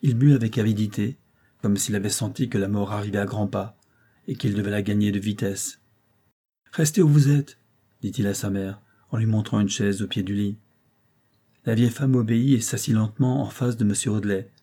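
A male narrator reads a classic novel in a measured, literary manner. His voice is low and dark, with a husky grain. The delivery stays steady and unhurried. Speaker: audiobook narrator.

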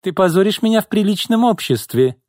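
A male narrator voicing a haughty middle-aged businesswoman who turns shrill and furious. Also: expressive, normal speed, a little mellow, dry recording, clean studio sound, lightly acted. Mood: screaming. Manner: cold and haughty, turning to screaming fury.

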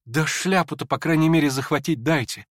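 A man voicing a meek, guileless young prince who speaks in a gentle, earnest, mildly pleading way in a dramatized audiobook. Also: fairly high pitch, fairly quick, dry recording, studio quality, lightly acted.

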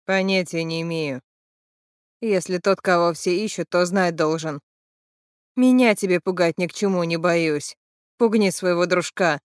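Женщина изображает презрительного босса. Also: female voice, on the low side, unhurried, clean tone, dry recording, studio quality, natural voice. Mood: scornful. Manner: dismissive, contemptuous. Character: gruff unafraid male crime boss.

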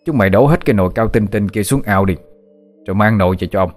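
A man's voice: on the low side, fast talker, soft background music, close to an everyday voice. A man voicing a tyrannical village official who bullies and threatens the villagers in a told story. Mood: menacing. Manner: blustering, threatening, domineering. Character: tyrannical male village official, menacing bully.

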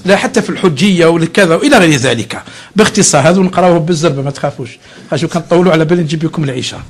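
A man's voice: on the high side, very fast. A man with an Algerian accent teaching a religious lesson, moving between classical Arabic and dialect in a chatty way. He often checks with his listeners and corrects himself mid-phrase.

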